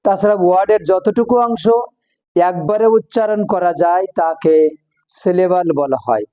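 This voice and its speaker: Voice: medium pitch, moderate pace, mellow, poor audio. A teacher giving a recorded English lesson. The teacher repeats each word several times and breaks words into their parts. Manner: switches between English and Bengali explanations.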